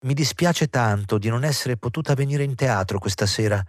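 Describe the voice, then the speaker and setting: A man reading an audiobook voices a gentle, doting middle-aged mother who speaks softly and anxiously. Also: medium pitch, moderate pace, no echo, studio quality, pitched above the performer's own voice, close to an everyday voice. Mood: anxious tender.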